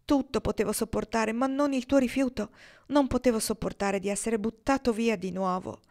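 A woman's voice: a little high, moderate pace, darkish tone, voice pushed up, lightly acted. Brief: woman reading an anguished man, raised and pleading, audiobook part. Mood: pained. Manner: raised, agitated delivery.

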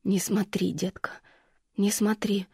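Brief: woman reading a hoarse, blunt mother, husky, flat, loud and commanding, dry studio. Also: medium pitch, measured pace, no echo. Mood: hushed. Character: tough wounded middle-aged mother, blunt.

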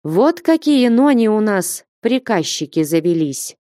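A woman voicing a stern, grieving old male merchant who scolds and threatens slowly in a storybook reading. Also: fairly low pitch, expressive, a little mellow, no echo, studio quality. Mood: mocking. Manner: reproachful, threatening.

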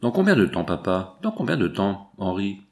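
A man's voice: low voice, big pitch swings, moderate pace, vocal fry, a little mellow, full character voice. A man voicing an anxious young girl who pleads and asks fearful questions in an audiobook. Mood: pleading.

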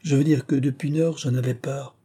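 A man voicing a spirited young woman, talking quick and emphatic in a raised voice. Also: medium pitch, steady tone, mellow, husky, pitched above the performer's own voice, lightly acted. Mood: reassuring.

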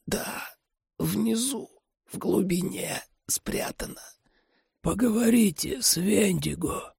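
A man's voice: sits high, slow pace, vocal fry, a little mellow, breathy edge, no room sound, clean studio sound, pitched above the performer's own voice, exaggerated voice. Man voicing a dying father's faint whisper. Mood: fading whisper. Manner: faint broken whispering, tearful. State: weak and fading. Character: dying middle-aged father, weak and remorseful.

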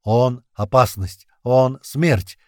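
A man's voice: mid-range voice, unhurried, no echo, studio quality, close to an everyday voice. A man voicing an anxious male seer who keeps repeating urgent warnings in an audiobook. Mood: dread.

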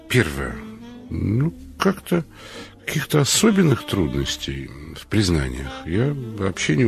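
A man hosting a psychology radio talk, thinking aloud with pauses and fillers. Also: deep voice, vocal fry. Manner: thoughtful, hesitant with pauses and fillers. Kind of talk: radio commentary.

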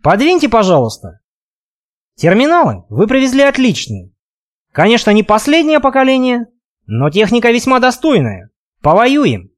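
Older professor, voiced by an audiobook reader, calm and mocking. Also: male voice, extremely high pitch, normal speed, no echo, clean studio sound, pitched above the performer's own voice, exaggerated voice. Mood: cynical.

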